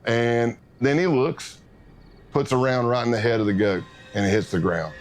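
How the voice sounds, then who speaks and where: A man's voice: medium pitch, a little fast, faint music behind. A middle-aged man, a former undercover agent telling his story in a documentary interview, acting out what others said.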